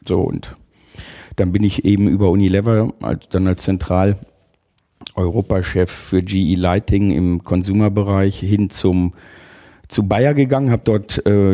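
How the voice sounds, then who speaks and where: Man in his fifties, low voice, mellow tone, interview guest, relaxed storytelling, hesitant. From Germany. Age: 50s. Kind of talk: conversational interview.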